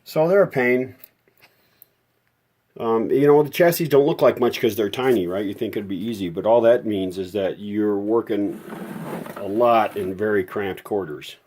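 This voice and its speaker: A man with a lowish, slightly mellow voice speaks at a normal pace while presenting a radio restoration video. He talks off the cuff through the hands-on repair, and his explanations are folksy and rambling.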